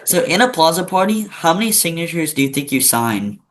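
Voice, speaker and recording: A man's voice: fairly high pitch, sing-song, fairly quick. A male interview host asking short, plain questions in a casual way.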